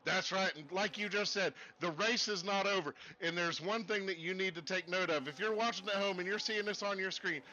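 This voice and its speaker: Guy calling a sim race in a fake texas drawl, folksy and hyped, high bright voice. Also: fairly quick, few pauses, lo-fi sound. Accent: put-on Texas. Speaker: race commentator. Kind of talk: sim racing commentary.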